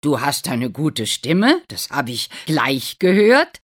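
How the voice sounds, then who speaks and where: A friendly donkey who leads the group with cheer, as a woman reading a storybook puts him on. His voice is lively and warm in tone, rising and falling freely. He talks in an encouraging way. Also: low voice, slow pace, breathy edge, exaggerated voice.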